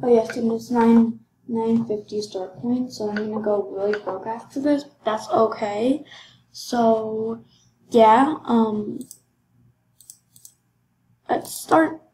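Casting: young female gaming vlogger, high-ish voice, slow and chatty, echoey room. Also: steady tone, warm tone, a little hiss or hum. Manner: chatty, rambling, self-deprecating. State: voice cracking. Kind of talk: casual game commentary.

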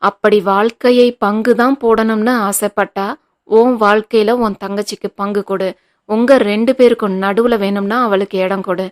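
A woman voicing a stern, sharp-tongued older mother-in-law who scolds in cutting retorts, in an audiobook reading. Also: medium pitch, fairly even intonation, moderate pace, close to an everyday voice. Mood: mocking.

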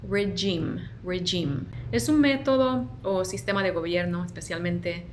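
Female language teacher, unhurried delivery, drills each word over and over, faint background hiss. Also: fairly low pitch, expressive. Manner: slow, repeats each word carefully. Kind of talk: pronunciation lesson.

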